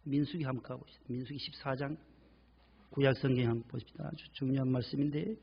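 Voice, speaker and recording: A man's voice: mid-range voice, fairly even intonation, quick pace, vocal fry, husky, dull audio. A male pastor delivering a church sermon with emphatic preaching, repeating key words for stress. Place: church sanctuary.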